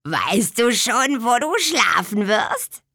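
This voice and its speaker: A woman doing a croaky old swamp witch. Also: fairly high pitch, very animated, slow pace, sharp tone, no room sound, studio quality, pitched above the performer's own voice, exaggerated voice. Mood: kindly. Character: old female swamp witch circled by flies.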